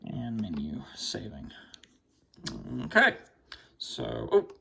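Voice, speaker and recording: A hobbyist collector with a creaky, lowish voice shows his weather radios in a small, cluttered room at home, his pitch swinging hugely and his tone bright and forceful. Still, his delivery is halting and casual as he mutters half to himself while handling the gear. Faint background noise, clicks, and handling sounds accompany him.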